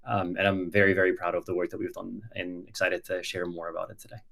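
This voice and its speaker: A man's voice: sits low, level tone, fast, vocal fry, a bit bright. A man, introducing himself as a panel guest in an upbeat, earnest way over a video call. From Egypt. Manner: upbeat, earnest, frequent ums. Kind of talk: casual self-introduction.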